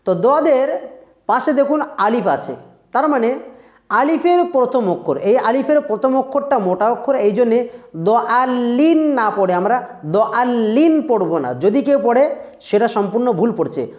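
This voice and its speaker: A Quran recitation teacher giving a tajweed pronunciation lesson, explaining slowly and drawing out recited words to demonstrate them. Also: medium pitch, animated, darkish tone. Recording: roomy, dull lo-fi recording.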